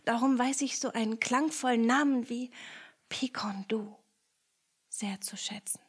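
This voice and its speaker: A woman voicing a timid female rat who talks softly and wistfully. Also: on the high side, unhurried, breathy edge. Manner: soft, sighing, wistful.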